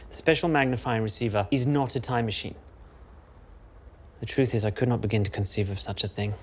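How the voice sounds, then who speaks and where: An actor playing a formal, grave inventor lost between worlds, speaking with a posh English accent. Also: male voice, medium pitch, fairly even intonation, a little fast, slight background noise, natural voice. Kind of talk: film acting.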